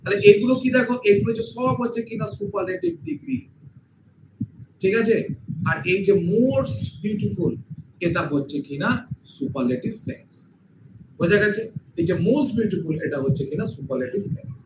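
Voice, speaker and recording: A man's voice: high voice, big pitch swings, fairly quick, gravelly. A man teaching an English grammar lesson, patient, repeating points and asking his students questions. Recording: echoey room, dull lo-fi sound with noise.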